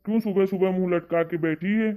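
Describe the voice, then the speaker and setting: A performer playing a patient middle-aged husband and father in a family comedy sketch, who tries to calm his wife down. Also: mid-range voice, brisk, natural voice. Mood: placating. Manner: calm, placating, then fed-up. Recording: tinny phone-like audio.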